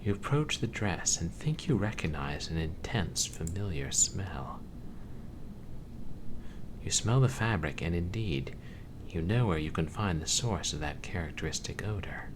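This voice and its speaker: Low-voiced man narrating a game, noisy background. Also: expressive, a little slow. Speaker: gamer playing and reading a story game aloud. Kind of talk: game commentary and read-aloud narration.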